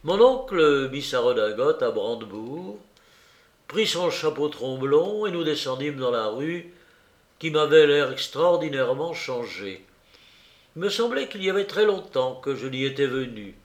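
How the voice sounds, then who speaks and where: A man narrating a literary story aloud in a measured, expressive reading. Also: mid-range voice, echoey room. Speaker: audiobook narrator.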